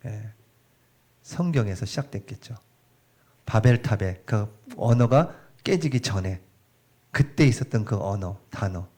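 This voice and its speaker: A middle-aged man preaching a sermon in a church, chatty and animated, asking the congregation questions as he goes. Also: medium pitch. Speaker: pastor. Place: church sanctuary.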